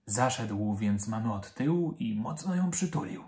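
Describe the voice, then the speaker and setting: Brief: male actor narrating a bedtime tale, lively melody, slow delivery. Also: lowish voice. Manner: expressive, gentle storytelling. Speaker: actor reading to children. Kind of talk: children's story narration.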